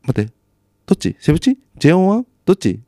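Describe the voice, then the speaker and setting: A man's voice: a little high, very animated, very fast, mellow, dry recording, studio quality. A man chatting casually on his own while watching TV, with chatty asides and self-deprecating remarks. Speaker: solo podcaster.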